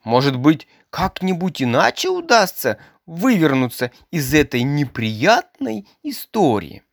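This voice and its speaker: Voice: mid-range voice, very animated, measured pace, dry recording, studio quality. A narrator reading a children's story aloud with expression.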